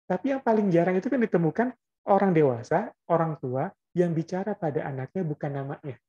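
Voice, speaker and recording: A man's voice: on the high side, animated, brisk, mellow, dull audio. A man giving an Islamic parenting lecture, explaining in a conversational way and often adding little checking tags.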